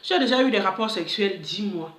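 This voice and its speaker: A woman voicing a stern, worried middle-aged mother who quietly questions her daughter. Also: mid-range voice, animated, fast, reverberant, close to an everyday voice. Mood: pressing.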